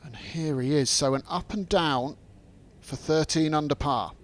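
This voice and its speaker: A man's voice: on the high side, measured pace. A man working as a golf commentator, giving live play-by-play of the shots and scores.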